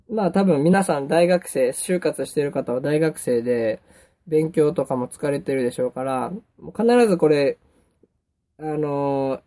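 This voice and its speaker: A young man with a Kansai accent, hosting a casual solo podcast and chatting in a relaxed way with lots of fillers. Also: a little high. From Kansai, Japan. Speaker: podcast host.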